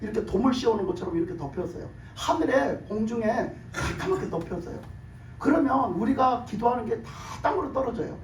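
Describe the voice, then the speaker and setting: A man preaching a sermon in a hoarse, worn voice, pressing his point with rhetorical questions and laughter. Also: very high-pitched, lively intonation, a little fast, slight background noise. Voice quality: hoarse, broken voice from years of shouted prayer. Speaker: pastor. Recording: echoey room, mic at a distance.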